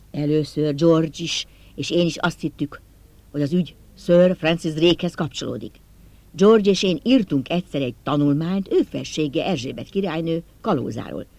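Gravelly, slightly high male narrator. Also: no room sound. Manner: steady, measured storytelling. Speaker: audiobook narrator. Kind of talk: scripted first-person narration.

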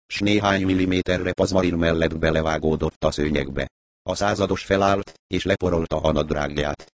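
A man narrating an audiobook, measured and matter-of-fact. His voice is very low, and the studio recording is dry and close. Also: no room sound. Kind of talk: audiobook narration of a crime novel.

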